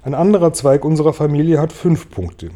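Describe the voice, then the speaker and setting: A man's voice: fairly high pitch, expressive, a little fast, warm tone, natural voice. A man voicing a polite, snobbish female ladybug in an audiobook reading. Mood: prim. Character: genteel, proud female ladybug.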